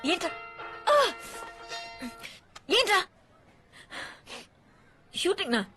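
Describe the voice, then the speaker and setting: A nagging, playful young woman with a very high, bright voice, talking quickly. Her pitch leaps about freely. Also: big pitch swings, faint music behind, full character voice. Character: chatty young woman pestering her fiancé. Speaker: hero's fiancée.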